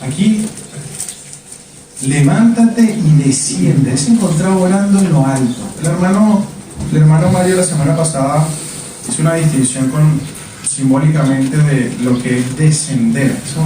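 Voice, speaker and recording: A man's voice: fairly high pitch, warm tone, a little hiss or hum. A male preacher delivering a sermon in a church. He speaks emphatically, repeating words and asking the congregation questions. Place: church sanctuary. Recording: echoey church from a distance.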